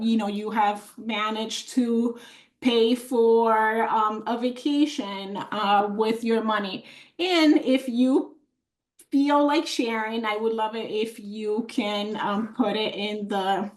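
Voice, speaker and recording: A woman from the Dominican Republic, a financial coach presenting an online workshop in an encouraging way, with many fillers and restarts. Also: mid-range voice. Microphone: computer mic on a video call.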